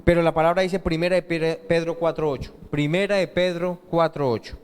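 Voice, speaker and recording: A Colombian pastor preaches a sermon, asking rhetorical questions and pausing so the congregation can finish his sentences. His voice is a little high for a man, steady, clear and resonant, with the long reverb of a church hall around it.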